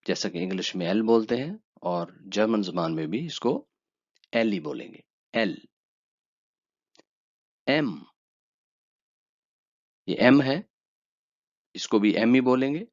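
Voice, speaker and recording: A man with an Urdu accent teaching a language lesson, calmly saying each letter twice. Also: fairly low pitch, slow pace, long pauses. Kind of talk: slow spoken lesson. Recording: dull lo-fi sound.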